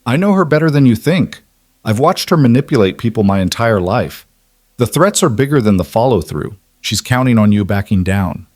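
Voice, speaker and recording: A man voicing a calm, firm, successful woman in an audiobook, speaking steadily. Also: medium pitch, moderate pace, no echo, clean studio sound, lightly acted. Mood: steady. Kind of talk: scripted audiobook narration.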